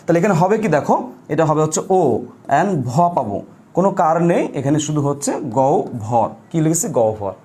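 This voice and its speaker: A man's voice: fairly high pitch, sing-song, brisk, mellow. A man with a Bangladeshi Bengali accent teaching a pronunciation lesson, often asking his students questions and repeating the rule.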